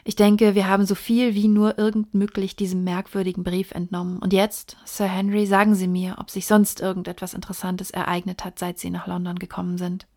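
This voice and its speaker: A woman reading the part of a sharp male detective in an audiobook, in a measured, lecturing way. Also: mid-range voice, level tone, close to an everyday voice. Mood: reasoning. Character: sharp, precise male detective explaining deductions.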